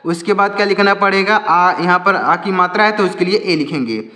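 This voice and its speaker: A man's voice: sits high, brisk, pushed and bright. A man teaching a beginners' language lesson, explaining step by step and often putting questions to his viewers before answering them. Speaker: English teacher. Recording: echoey room with long reverb.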